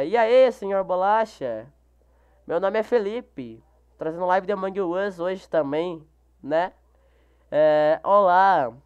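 Male, Brazilian Portuguese accent, casual gaming live stream, slow, smooth, repeats greetings to chat. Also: sits high, muffled recording. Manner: greets viewers by name, repeating each greeting.

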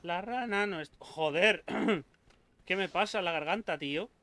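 A man from Spain with a Spanish accent, commentating his own gameplay in an excitable, swearing, talk-to-himself way. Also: high voice, normal speed. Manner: excitable, swears a lot, talks to himself and viewers. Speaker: gaming YouTuber.

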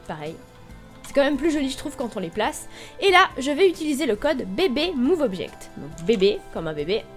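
A woman's voice: a little high, darkish tone. A young woman from Brittany walking viewers through a game on screen, chatty and explanatory, spelling things out step by step. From Brittany, France. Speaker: gaming YouTuber. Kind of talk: screen-recorded game tutorial.

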